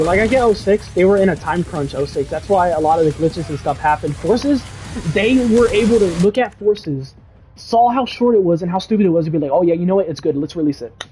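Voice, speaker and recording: A young man chats on his livestream, rambling and excitable. His voice sits a little high but sounds mellow and soft-edged. Faint music plays underneath. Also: fairly quick. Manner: rambling, excitable, says dude and bro a lot. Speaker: streamer reading chat. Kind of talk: casual livestream chat.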